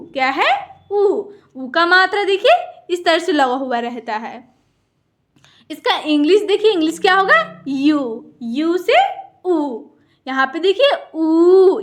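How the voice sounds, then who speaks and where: A woman's voice: very high voice, a bit bright. A woman teacher with a Hindi accent explaining a lesson to viewers. She asks a question and then answers it herself, repeating the key points.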